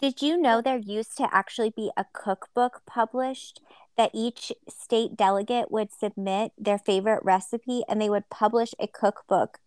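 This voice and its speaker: A woman hosts a podcast, asking her guest questions in an upbeat, friendly, casual tone. Her voice sits a bit high, and the recording is dry and close. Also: fairly even intonation, moderate pace, a little mellow, clean tone, no room sound. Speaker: podcast host. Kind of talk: casual interview chat.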